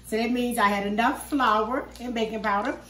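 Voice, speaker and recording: Her voice is on the high side, steady in tone and fairly bright, moving at a moderate pace. She's an older woman hosting a home cooking video, explaining each step in a relaxed, homey manner from her kitchen. It's a casual demo captured by a faraway counter camera, with roomy, distant kitchen sound.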